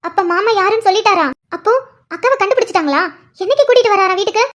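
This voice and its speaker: A woman's voice: very high voice, very fast. Woman voicing a bubbly young niece. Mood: cheerful. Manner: bubbly, reassuring, laughing.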